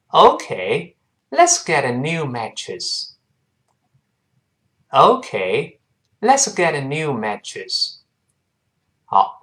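A man teaching English pronunciation, demonstrating each sound by repeating it slowly. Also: on the low side, a bit bright.

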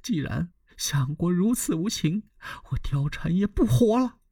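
Guy doing a young concubine, high and teary, pleading hard, storytelling voice, pretty dry sound. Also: sing-song, a little slow, warm tone, breathy edge, no room sound, full character voice. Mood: tearful pleading. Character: young noblewoman concubine, frightened and clever.

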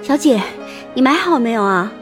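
A woman's voice: on the high side, animated, normal speed, faint music behind, pitched above the performer's own voice, natural voice. A woman voicing a timid young maidservant in an audiobook. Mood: concerned.

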